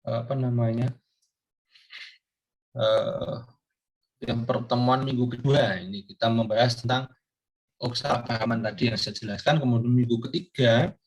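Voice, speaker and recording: Older male lecturer, rambling delivery. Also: medium pitch. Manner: rambling, many fillers and questions to students. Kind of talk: recorded course lecture.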